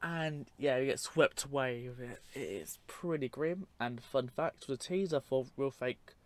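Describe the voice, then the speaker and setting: A man's voice: mid-range voice, a little slow. A man giving casual, unscripted commentary over clips, rambling and matter-of-fact with dry asides. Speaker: narrator of a film clip compilation.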